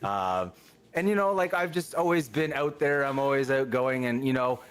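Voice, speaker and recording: A man's voice: mid-range voice, moderate pace, clear, resonant tone. Outgoing man in his thirties. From Canada. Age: 30s. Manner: outgoing, rambling, lots of fillers. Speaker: podcast guest. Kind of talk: casual chat.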